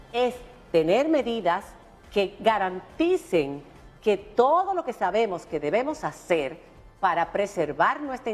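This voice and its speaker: A woman with a Dominican accent hosts a news talk show. She comments in an emphatic, insistent way at a middling pitch. The sound carries a noticeable reverberant tail.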